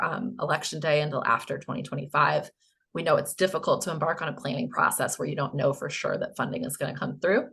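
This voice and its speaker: An American woman with a hoarse, croaky voice, giving a public presentation to a board. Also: low voice, bright, forceful tone. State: hoarse, coughing. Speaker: presenter, housing finance agency staff.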